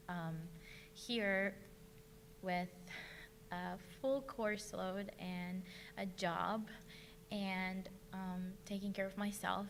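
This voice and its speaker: Soft-spoken woman. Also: mid-range voice, long reverb tail, slight background noise. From Venezuela. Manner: reflective, soft, with pauses and "um"s. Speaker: panelist sharing her story. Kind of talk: personal testimony on a panel.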